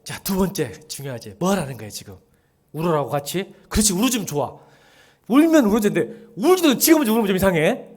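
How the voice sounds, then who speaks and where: A middle-aged man preaches a relaxed midweek sermon in a lively, fairly high voice that rises and falls a lot. He jokes with the congregation, slips into quoted dialogue, and sometimes sinks to a soft murmur. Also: quick pace. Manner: chatty and joking, acting out quoted dialogue, often dropping to a murmur. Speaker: pastor.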